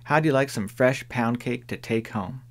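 A man voicing a sharp-tongued older woman neighbor in an audiobook, dry, firm and plain-spoken. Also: medium pitch, moderate pace, close to an everyday voice. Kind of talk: audiobook character voice.

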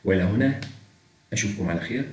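A young man with an Egyptian Arabic accent runs an English exam review at a quick clip. His voice sits low, and he works through each answer step by step while fielding the questions he imagines students asking. The room around him is echoey. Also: expressive. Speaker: English teacher.

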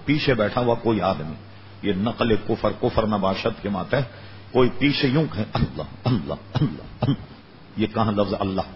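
Male scholar, lower voice, lecture delivery with drawn-out demonstrations; muffled old recording, light background hiss. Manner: demonstrates pronunciation by drawing out words. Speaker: Islamic scholar. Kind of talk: religious lecture. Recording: dull lo-fi recording with faint noise.

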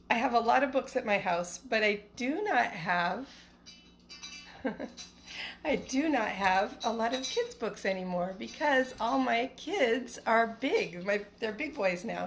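A middle-aged woman who teaches elementary school chats casually on a livestream and reads a picture book aloud to children from her small living room. Her mid-range voice is gravelly with a fairly bright tone. She's recorded on a phone held at arm's length, with some background noise.

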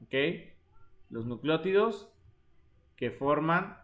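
A man's voice: on the high side, lively intonation, slow, fairly bright tone. Joking man teaching a live class. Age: 30s. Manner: joking, theatrical, addresses students as "jóvenes". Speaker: online biology teacher. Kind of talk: live-streamed exam prep class.

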